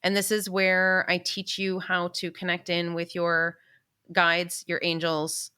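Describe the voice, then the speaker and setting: A woman's voice: on the low side, completely flat delivery, slow, sharp tone, clean tone. A woman guest, a spiritual teacher, explaining her workshop in a conversational way.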